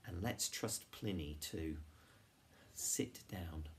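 A man's voice: low voice, takes it slowly, a little hiss or hum. A man reading aloud and voicing a bold, clever young girl who leads her friends with eager lines. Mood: steady.

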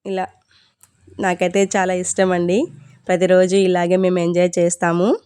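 A woman vlogger talks straight to her viewers in a polite, chatty way. Her voice is on the low side and stays very even in pitch. The sound is dry and close, as she explains things casually. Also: normal speed, clean tone, dry recording. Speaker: home vlogger. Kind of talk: casual vlog narration addressed to viewers.

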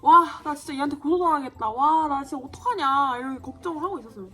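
A young woman in her twenties telling a story in a casual, animated way while doing her makeup, acting out the lines of people in it. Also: high voice, fast talker, faint music behind. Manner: chatty, animated, acts out quoted lines. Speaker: beauty vlogger.

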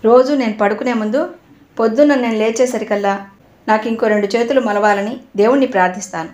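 A woman's voice: fairly high pitch, quick pace, a little mellow, lo-fi sound, close to an everyday voice. A woman narrator voicing a cheerful young male doctor who talks in a playful, teasing way. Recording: roomy echo.

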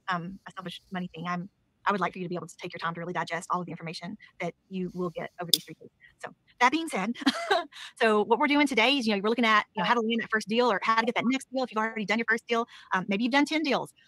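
A woman's voice: medium pitch, fairly bright tone, dry recording, poor audio. A woman hosting an online event, introducing it enthusiastically and a little rambling, in a recording that is played sped up. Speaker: event host.

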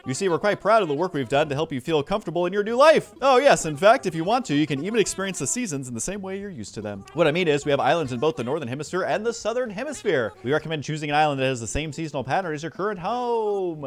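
A man's voice: on the high side, big pitch swings, fast, few pauses, soft background music. A man reading a cheery island travel clerk. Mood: cheerful. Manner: reads the game's on-screen dialogue aloud.

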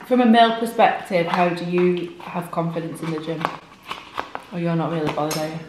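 Soft-spoken woman vlogging. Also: lowish voice, steady tone, brisk, background noise. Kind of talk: casual chat to camera. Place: bright open kitchen, indoors. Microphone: camera on the table. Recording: echoey room.

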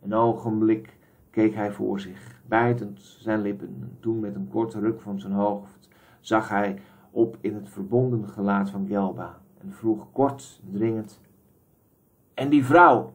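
A man reading a literary audiobook in a measured, calm way. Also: on the low side. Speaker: audiobook reader.

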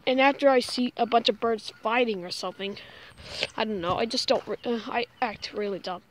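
A woman's voice: on the high side, fairly quick, a little hiss or hum. A woman vlogging casually to her viewers, anxious and apologetic, often sighing and exclaiming. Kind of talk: casual vlog narration to viewers.

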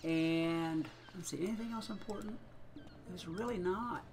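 A man's voice: sits high, a little slow, a little hiss or hum. A man giving casual, chatty commentary on his own gameplay, thinking aloud and chuckling often as he plays. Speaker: gaming channel host.

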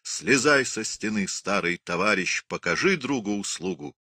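A man's voice: lowish voice, expressive, slow pace, pushed and bright, dry recording, studio quality, full character voice. A man voicing a proud, hot-tempered young Cossack husband, speaking sternly and commandingly. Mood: defiant.

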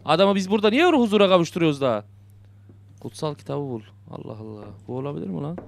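A young man with a slightly high, animated voice and some vocal fry talks very fast, over slight background noise, as he plays a horror game. This gaming YouTuber jokes and mutters to himself before yelping when startled.

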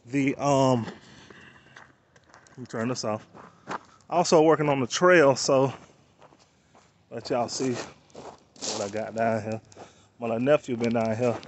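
A man's voice: mid-range voice, a little hiss or hum. A man talking in a laid-back, slangy, rambling way as he vlogs outdoors on a rural property, filming with a handheld camera. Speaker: vlogger. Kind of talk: casual walk-around vlog.

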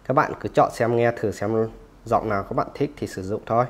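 A man hosting a phone tutorial, explaining each step casually and often pausing with "rồi" between steps. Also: lowish voice. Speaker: tech tutorial host.

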